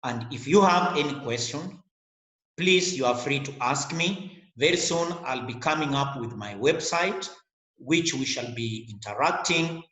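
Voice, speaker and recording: Speaking to a webcam in a small indoor room, a middle-aged man with a Kenyan English accent delivers an online lecture, earnest and prone to repeating himself. His first language is a Kenyan language, and his mid-range voice is a little slow and slightly bright. The room sounds echoey on the recording.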